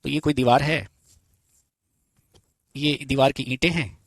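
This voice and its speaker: A man teaching a physics lesson, asking questions and answering them himself, and repeating key terms slowly. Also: mid-range voice, fairly even intonation, dry recording. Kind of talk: live online physics lesson.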